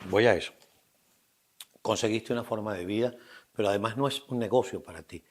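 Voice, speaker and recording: A man's voice: on the low side, brisk. A man hosting an interview, asking questions in an affirming, rhetorical way. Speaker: interview host.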